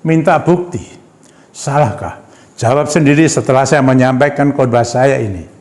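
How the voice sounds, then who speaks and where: A man's voice: mid-range voice, moderate pace, darkish tone. A man preaching a sermon in a church hall. He reads scripture aloud, then comments on it emphatically, calling on the congregation as "brothers and sisters" and asking them rhetorical questions. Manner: addresses the congregation as "Saudara" and asks rhetorical questions.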